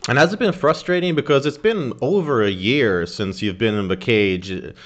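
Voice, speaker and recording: A man's voice: medium pitch, normal speed. A young man interviewing a fighter over a video call from a room at home, asking long, wordy questions. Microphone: video call webcam with earphones. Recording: dull lo-fi video call audio.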